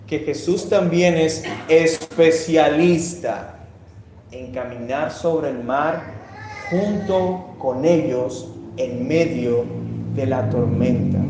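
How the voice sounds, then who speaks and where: A man preaching a sermon, building drama with rising pitch and volume for emphasis, then dropping to a hushed tone. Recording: echoey room with faint noise.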